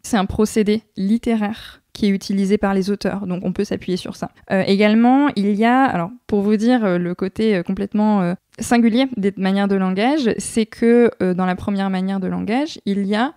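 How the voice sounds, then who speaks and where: A woman's voice: medium pitch, fairly even intonation, normal speed, mellow, dry recording, studio quality. A young adult woman answering as a guest researcher, explaining at length with many thoughtful hesitations.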